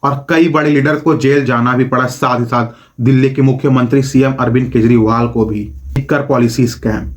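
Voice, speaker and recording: A man's voice: mid-range voice, fairly even intonation, normal speed. A man hosting a political explainer video, giving scripted commentary in an opinionated tone with rhetorical questions.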